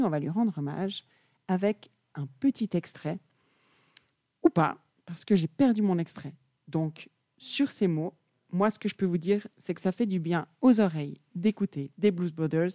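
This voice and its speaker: A woman's voice: lowish voice, animated, normal speed, mellow, no room sound, studio quality. A young woman presenting an enthusiastic music chronicle on the radio.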